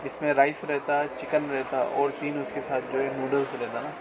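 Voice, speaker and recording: A man's voice: mid-range voice, little pitch movement, moderate pace, dull audio. A man in his thirties casually vlogging a restaurant meal and a night drive on his phone, chatty and enthusiastic, often adding religious blessings. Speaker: food vlogger. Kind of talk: casual food vlog. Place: restaurant cabin, then inside a car at night. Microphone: handheld phone camera. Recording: noisy street and car background.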